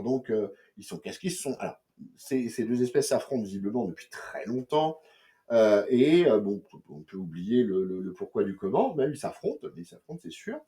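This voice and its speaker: Slangy, rambling man with a lively voice. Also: mid-range voice. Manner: slangy, joking, rambling with many fillers. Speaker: comics reviewer. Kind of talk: casual chat.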